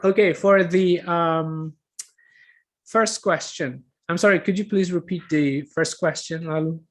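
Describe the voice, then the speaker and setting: Male lecturer on a video call, slow and hesitant, raised pitch. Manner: hesitant, filler-heavy, self-correcting. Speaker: guest lecturer. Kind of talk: online Q&A talk.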